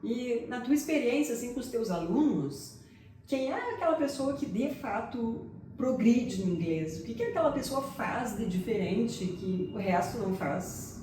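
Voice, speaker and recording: Host lady, soft warm tone, far off in a roomy space. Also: a little high, expressive, moderate pace. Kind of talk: casual interview chat. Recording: echoey room from a distance, faint noise.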